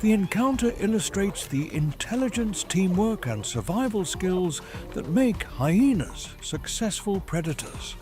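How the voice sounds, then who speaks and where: Male nature documentary narrator, fairly high voice, lively intonation, measured formal storytelling, music underneath. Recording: music behind the voice. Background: background music.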